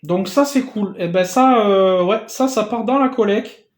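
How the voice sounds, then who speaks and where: A man in a casual unboxing vlog who gets excitable, swears casually and thanks the sender again and again. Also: sits high, unhurried, reverberant. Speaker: YouTuber opening a gift parcel.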